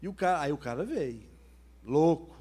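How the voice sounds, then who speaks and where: Husky pastor joking through a sermon. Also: male voice, mid-range voice, very animated, measured pace, darkish tone. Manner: humorous, colloquial storytelling.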